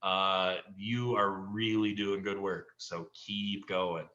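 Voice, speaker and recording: Encouraging improv coach, man, bright forceful tone, dull lo-fi audio. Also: low voice, little pitch movement, slow pace. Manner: rambling, encouraging, lots of fillers. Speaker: improv league coach and co-host. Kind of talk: casual recap chat.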